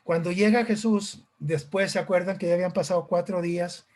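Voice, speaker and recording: A man's voice: sits high, steady tone, brisk, darkish tone. A man preaching an informal sermon, hesitant, with many fillers and restarts, often asking the listeners questions.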